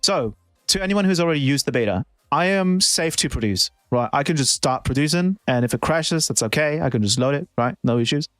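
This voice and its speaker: A man's voice: fairly high pitch, animated, a little fast, fairly bright tone, no echo. A man who produces music, chatting casually on a live stream and thinking aloud with many restarts.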